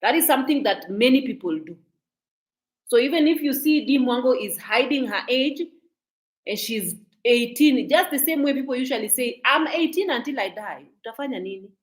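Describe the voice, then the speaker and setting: A woman's voice: sits high, lively intonation, normal speed. A woman from Kenya with a Kenyan accent, giving casual, talkative commentary on celebrity gossip to her viewers, emphatic and repeating herself. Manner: mixes in Swahili phrases.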